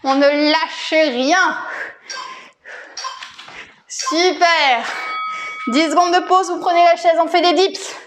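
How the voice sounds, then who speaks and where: High-pitched, energetic woman coaching a workout. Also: takes it slowly, pauses often, a little hiss or hum. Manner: energetic, encouraging, exclaiming short commands. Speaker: fitness coach. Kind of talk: home workout instruction, calling out exercises and counts.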